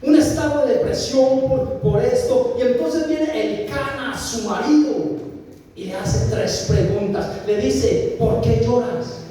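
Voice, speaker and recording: A man's voice: very high-pitched, a little slow, warm tone. A man from Colombia preaching a sermon to his congregation, addressing them directly with frequent hesitations and repeated phrases. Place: church. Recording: echoey church hall, distant mic, faint noise.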